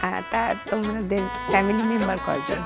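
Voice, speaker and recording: A woman's voice: medium pitch, steady tone, brisk, vocal fry, over music, lightly acted. An actress playing a strict, fussy middle-aged landlady who bosses people around. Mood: bossy. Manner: bossy, fussy.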